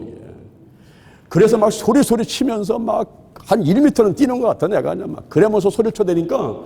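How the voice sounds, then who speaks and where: Lively preaching man in an echoey hall. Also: high-pitched. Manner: lively, exclamatory storytelling with repeated phrases. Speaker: pastor. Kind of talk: sermon testimony. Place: large hall at a prayer retreat. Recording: echoey hall with long reverb.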